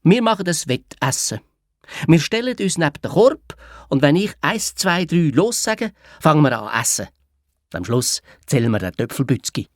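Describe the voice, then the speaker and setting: A man's voice: fairly high pitch, very animated, normal speed, no room sound, studio quality. A man with a Swiss German accent voicing a clever, bossy little girl in a children's audio story. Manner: insistent, know-it-all. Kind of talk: children's audio drama reading.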